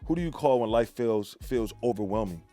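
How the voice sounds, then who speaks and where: A man's voice: medium pitch, lively intonation, brisk, dark tone, faint music behind. A man with a Midwestern accent hosting a casual interview, affirming and conversational, often agreeing along. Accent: Midwestern American.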